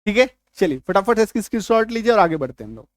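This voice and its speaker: A male teacher giving a spoken lesson, repeating each point and quizzing the listener with quick questions as he drills lists of words. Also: high-pitched, very animated, no echo, clean studio sound. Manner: drills word lists aloud, one word at a time.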